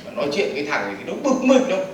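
A man gives a lively seminar lecture, putting questions to the audience and answering them himself. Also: high-pitched, very fast, recorded from a distance, crowd noise. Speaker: business trainer. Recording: echoey hall recorded from afar.

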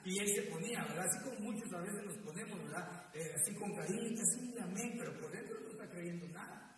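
A man's voice: sits high, slight background noise. A middle-aged man preaching a sermon in a church hall, often calling the listeners brother and repeating his words. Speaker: pastor. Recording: echoey hall, mic at a distance.

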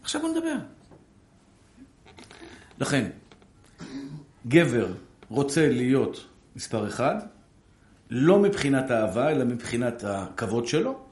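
A rabbi preaching to an audience about marriage, acting out little dialogues between spouses in changing voices. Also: male voice, mid-range voice, pauses often, echoey room. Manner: animated, acts out short dialogues with shifting voices. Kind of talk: sermon on marriage.

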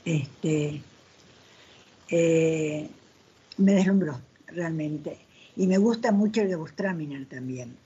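A woman's voice: deep voice, takes it slowly, long pauses, dark tone, breathy edge. An older woman with an Argentine accent, a wine guide author, giving strong opinions in a casual chat. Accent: Argentine Spanish. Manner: opinionated, emphatic. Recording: dull lo-fi audio.

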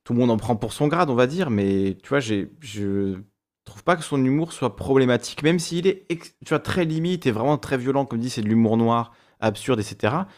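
A man in a casual discussion who explains his view in a relaxed way and trails off with fillers. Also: mid-range voice, normal speed.

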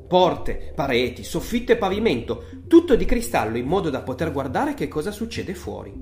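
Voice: mid-range voice, sing-song, moderate pace, dark tone, roomy sound. A reader voicing an eccentric, exuberant man who runs a chocolate factory, talking in a theatrical, showy way over faint music. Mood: excited, showy.

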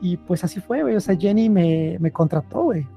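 Mexican-accented man, casual storyteller, mellow voice, lively and full of slang. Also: high voice, fairly quick, gravelly, slightly rough, faint music behind. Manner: slangy, animated, acts out quotes. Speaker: guest.

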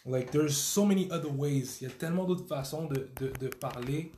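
A man's voice: fairly high pitch, moderate pace, darkish tone, slight background noise. A man with a Québécois French accent in a casual conversation, slipping into English with frequent restarts. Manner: code-switches into English, many restarts. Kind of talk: casual chat.

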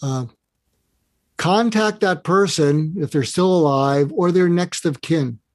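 Slow and fairly high-pitched with a darkish tone, this man speaks as a podcast guest in a casual interview. He earnestly walks the listener through an exercise, frequently repeating words when he restarts a phrase. The recording is dry.

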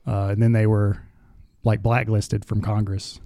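Dark-voiced man chatting casually. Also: lowish voice, flat delivery, measured pace, creaky, dry recording, clean studio sound. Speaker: podcast co-host. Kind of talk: casual chat.

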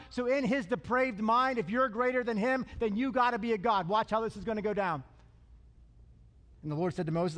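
Pastor, male, high-pitched, punchy repetitive preaching, long hall reverb. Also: a bit bright. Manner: emphatic, repeats phrases for effect. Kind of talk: sermon.

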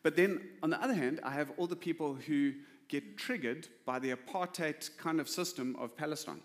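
A man's voice: on the high side, moderate pace. A man preaching a sermon as a pastor, in an emphatic, conversational way full of rhetorical questions. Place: church hall. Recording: preaching in a large reverberant hall.

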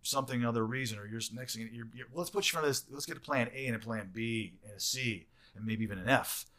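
Fast-talking man co-hosting a chat. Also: medium pitch. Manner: talkative, animated, quick to tease. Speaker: travel nurse recruiter, podcast co-host. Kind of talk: casual chat.

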